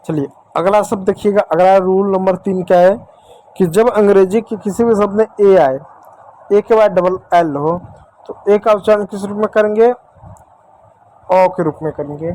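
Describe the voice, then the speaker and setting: A man with a Hindi accent teaching children English phonics, asking questions and answering them himself and spelling out letters slowly. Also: sits high, fairly even intonation, warm tone, poor audio. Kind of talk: explaining phonics on a board.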